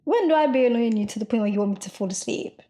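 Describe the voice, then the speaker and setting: Woman, podcast co-host, casual chat, exasperated, fairly high voice. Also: expressive, racing, mellow.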